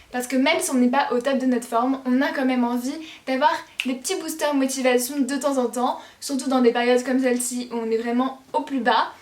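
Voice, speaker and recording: A teenage woman vlogging to her viewers in a chatty, reassuring way, with frequent hesitations. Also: high-pitched. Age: teens. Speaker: lifestyle vlogger. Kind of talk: casual talk to camera. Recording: roomy echo.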